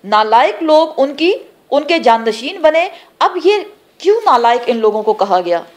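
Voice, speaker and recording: Her voice is high-pitched and very animated as she leads a religious class as a Quran teacher. She breaks scripture down phrase by phrase, explaining each term word by word with pauses, and answers the questions she puts to the class.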